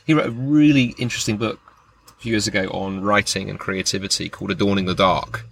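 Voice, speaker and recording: A man hosting a conversational podcast, telling stories in an animated way, recorded in a car park. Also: fairly low pitch, quick pace, creaky. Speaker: podcast host. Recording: faint car park background noise. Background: car park ambience, occasional engine.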